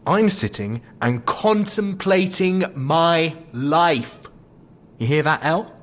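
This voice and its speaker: A man's voice: on the high side, animated, slow pace. An actor with a British accent playing a lazy, sarcastic male captive, dismissive and drawling. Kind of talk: audio drama acting.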